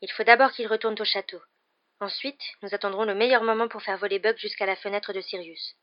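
A woman's voice: medium pitch, fairly even intonation, fairly quick, muffled recording, close to an everyday voice. A woman voicing an anxious, clever teenage girl who speaks with urgency.

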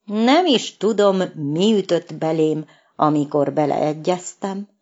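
A woman's voice: medium pitch, big pitch swings, darkish tone, muffled recording. A woman voicing a fretful, whiny little male mouse in a storybook. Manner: whiny, sighing.

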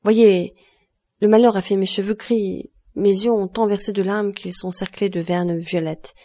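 In a lightly acted reading, a woman gives voice to a grieving thirty-nine-year-old undone by guilt, offering sorrowful, self-blaming pleas. Her mid-range voice is steady and warm, and she speaks a little slowly.

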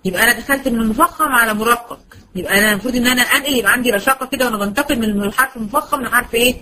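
A woman with an Egyptian Arabic accent teaching Quran recitation, patient and slowing right down to spell out sounds. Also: on the high side, bright, forceful tone, poor audio. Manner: patient, slows to a crawl when demonstrating words. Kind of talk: online Quran lesson.

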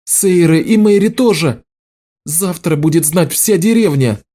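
A man reading aloud and voicing a fierce young village woman who shouts in outrage. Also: on the high side, lively intonation, measured pace, voice pushed up. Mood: furious.

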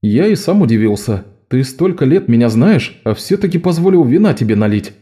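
A man voicing Locke, a wily adult male con man who talks in a wry, quiet way. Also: mid-range voice, sing-song, a little fast, natural voice.

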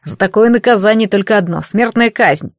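A woman reading an audiobook voices a burly male guard who mocks and bullies his captive in a gruff, rough way, recorded close and dry. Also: mid-range voice, brisk, no room sound, lightly acted. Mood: mocking. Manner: gruff, jeering. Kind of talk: audiobook character voice.

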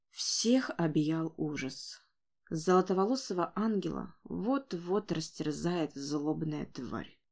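A woman narrating a fantasy audiobook at a mid-range pitch. Her reading is expressive and dramatic.

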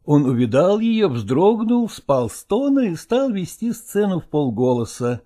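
A man narrating a story in a calm, steady reading voice. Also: sits high, unhurried. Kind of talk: audiobook narration.

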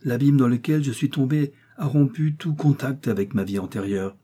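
A man's voice: medium pitch, moderate pace, warm tone, husky, pitched above the performer's own voice, natural voice. A man voicing a frail young woman recovering in bed, in an audiobook reading. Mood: weak. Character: weak young woman, shipwreck survivor.

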